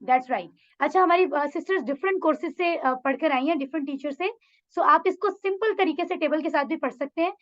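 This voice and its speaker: A woman's voice: high-pitched, brisk, muffled recording. A woman teaching an online Arabic class, encouraging her students and mixing English phrases into her Urdu. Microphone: video call mic.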